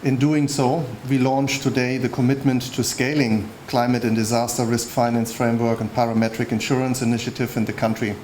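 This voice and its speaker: A man speaking as an international official, delivering a formal prepared speech in a measured way at a public event. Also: medium pitch, flat delivery, a little mellow. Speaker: United Nations official giving a speech. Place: public launch event venue. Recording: faint background noise at event.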